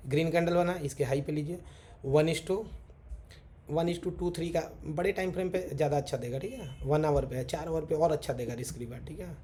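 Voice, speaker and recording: A man's voice: fairly high pitch, fairly quick, warm tone. A man teaching chart reading, walking through examples step by step and saying "theek hai" again and again. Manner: repeats "theek hai" constantly, talks while drawing on charts. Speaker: trading teacher. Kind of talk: casual screen-share chart lesson. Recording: faint background noise.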